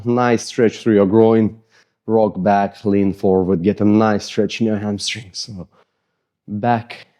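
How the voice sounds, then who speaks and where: Still sweaty from working out, an Eastern European-accented coach walks viewers through a mobility routine in a medium-pitched voice. He keeps it casual and relaxed, poking fun at how tight his own muscles are.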